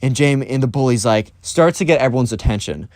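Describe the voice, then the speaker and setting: A man's voice: mid-range voice, lively intonation, fast, darkish tone, no echo. A man telling a story on his vlog in a casual, rambling way, full of fillers. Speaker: storytime YouTuber.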